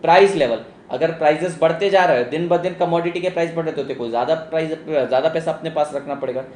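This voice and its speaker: A man delivers a casual economics lecture, slipping English terms into his explanations and calling students "beta". His voice sits a little high for a man. The room is roomy and echoey, with faint background ambience. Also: fast talker, a little mellow, a little hiss or hum. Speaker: economics teacher. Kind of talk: live online exam-prep lecture.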